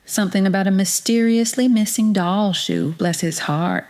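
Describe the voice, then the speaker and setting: A woman's voice: medium pitch, normal speed, darkish tone, close to an everyday voice. A woman with a Southern US accent playing a folksy, no-nonsense detective agency secretary, chatting directly to the listener in scripted noir-style podcast narration. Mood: folksy, inviting. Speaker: podcast host.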